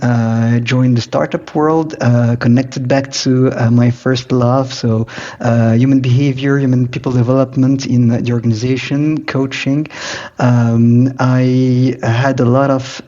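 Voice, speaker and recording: Male podcast guest from Morocco, mid-pitched, hesitant with lots of fillers, on slightly muffled audio. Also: dark tone. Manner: hesitant, many filler pauses. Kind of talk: casual interview talk.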